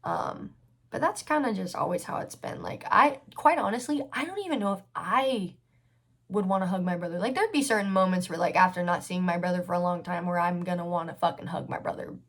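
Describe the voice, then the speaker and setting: A woman's voice: fairly low pitch, lively intonation, fairly quick. A woman of twenty hosting a solo podcast, telling a personal story in a chatty, candid way, with lots of fillers and casual swearing. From United States. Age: 20s. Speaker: podcast host.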